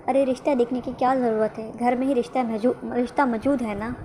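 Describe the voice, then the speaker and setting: A woman's voice: a little high, a little hiss or hum, lightly acted. Woman reading as a stubborn young son. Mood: casual. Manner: firm, calm. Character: stubborn young man devoted to his love.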